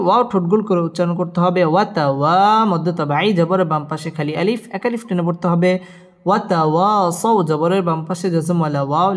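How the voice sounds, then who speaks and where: A man teaching recitation, who spells syllables out one by one and then intones each verse slowly. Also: high voice. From Bangladesh. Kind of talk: slow tajweed lesson, spelling and chanting. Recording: long reverb with faint music behind.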